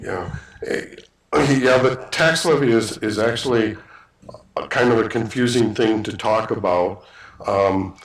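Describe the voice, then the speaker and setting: Lowish man candidate, halting explainer, distant echoey mic. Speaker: trustee candidate. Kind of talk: candidate forum answer. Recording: echoey hall, mic from far off.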